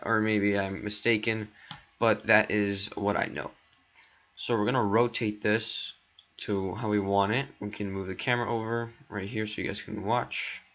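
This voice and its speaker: A man with a lowish, bright, forceful voice records a casual screen tutorial on a dull lo-fi mic. Clicking from step to step, he rambles, leans heavily on ums, and his voice cracks every so often.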